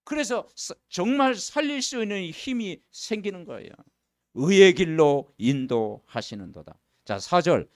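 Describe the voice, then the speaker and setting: A male pastor preaching a sermon, asking the congregation questions and answering them, and reading scripture slowly and with weight. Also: high-pitched, big pitch swings, no echo, clean studio sound. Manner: emphatic call-and-response preaching with rhetorical questions; slow, declaiming scripture reading. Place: church.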